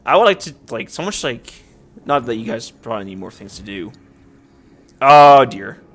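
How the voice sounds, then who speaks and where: Rambling man with a gravelly, lively voice. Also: medium pitch, normal speed. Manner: rambling, filler-heavy, frequent "like". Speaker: let's play YouTuber. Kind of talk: casual gameplay commentary. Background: faint game music.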